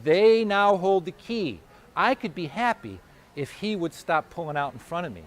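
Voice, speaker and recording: A man giving a live self-help talk at an expo, conversational and animated, acting out his own inner voice. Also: sits high, moderate pace. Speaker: motivational speaker. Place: expo hall or venue.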